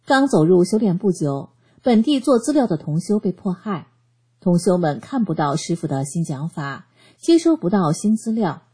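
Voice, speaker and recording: A woman giving a scripted narration of a first-person testimony, reading in an earnest, steady way. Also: lowish voice, normal speed, breathy edge.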